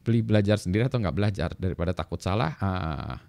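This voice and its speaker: A middle-aged man with a fairly low voice, talking casually to camera in a solo video. He rambles and often laughs at himself, and he spells words out letter by letter. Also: expressive, fast talker, creaky, a little mellow. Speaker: lecturer in electrical engineering.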